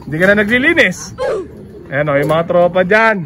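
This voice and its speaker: A man vlogging casually as he walks through a pigeon loft, excited and joking, with frequent exclamations. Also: high-pitched, brisk. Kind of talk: casual walkthrough vlog. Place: outdoor pigeon loft with birds around.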